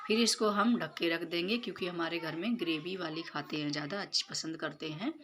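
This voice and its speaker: Speaking briskly in a lowish voice over a noisy background, a mother in her thirties narrates her cooking and chores vlog. The casual voice-over, recorded in her home kitchen, explains each step with plenty of fillers.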